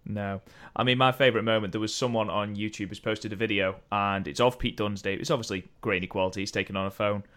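A man co-hosting a podcast, chatting casually about wrestling in an animated, opinionated way that slides into rants. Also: fairly low pitch, quick pace. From United Kingdom. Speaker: podcast co-host.

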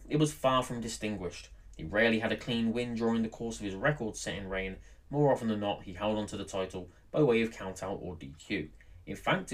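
A man hosting a scripted top ten countdown, narrating emphatically with deliberate pauses for stress. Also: medium pitch, poor audio.

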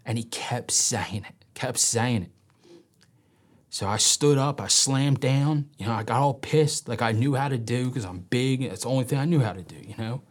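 A man recounting his own story in an interview, speaking frankly at a mid pitch. At times he sinks almost to a whisper. When he quotes people he gets lively and raises his voice. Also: moderate pace. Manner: candid, drops to a near whisper at times; acts out quoted voices animatedly. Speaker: interview guest. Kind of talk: personal storytelling.

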